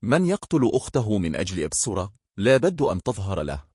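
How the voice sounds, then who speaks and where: Menacing spirit voice, done by a man, commanding and ominous, husky, for a horror story. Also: lowish voice, very animated, quick pace, darkish tone, no echo, clean studio sound.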